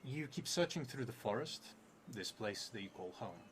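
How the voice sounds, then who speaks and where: In a noisy theatre room, a man in his thirties sits at a table improvising a story aloud for a solo tabletop game, the kind of thing he does as a roleplay player and streamer. His medium-pitched voice is expressive and moves at a normal speed, though he sounds hesitant and musing, often trailing off.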